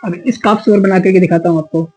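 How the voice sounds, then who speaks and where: A man teaching a beginner's lesson on Arabic letters, sounding each letter slowly and repeating it patiently. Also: high voice, steady tone, darkish tone, soft background music, rough recording. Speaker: Quran teacher. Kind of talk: step-by-step alphabet lesson.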